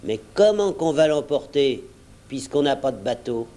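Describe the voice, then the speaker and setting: A man's voice: medium pitch, fairly even intonation, a little fast, dark tone, natural voice. A man voicing an insolent, grumbling male pirate sailor with a sullen, cheeky manner.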